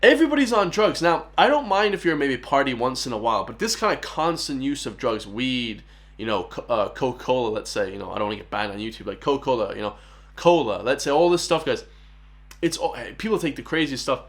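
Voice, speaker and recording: This is an Irish man reacting to a clip, talking quickly and emphatically as he hosts his channel. His pitch sits in an ordinary middle range, and he keeps turning to his viewers to press his point. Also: lively intonation, a bit bright. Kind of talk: casual reaction commentary.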